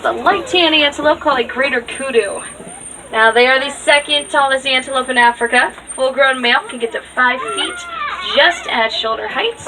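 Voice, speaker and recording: A woman's voice: sits high, lively intonation, moderate pace. A woman giving live, upbeat tour commentary as a safari guide. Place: outdoors on a moving safari ride vehicle. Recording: distant mic, noisy open vehicle with passengers.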